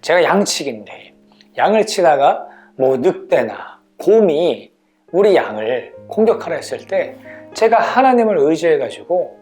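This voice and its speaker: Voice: mid-range voice, very animated, measured pace, a little mellow, soft background music. A children's teacher voicing a fearless, defiant teenage shepherd boy while retelling a Bible story. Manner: fiery, defiant.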